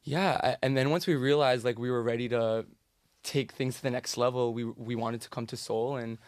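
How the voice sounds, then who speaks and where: A young man from the United States, a group member, answering in a halting, sincere way. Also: medium pitch, steady tone, dry recording.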